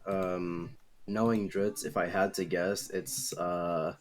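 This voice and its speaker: A man's voice: low-pitched, fairly even intonation, slow pace. A man chatting casually as a co-host, with a hesitant, understated way of talking. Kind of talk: casual chat.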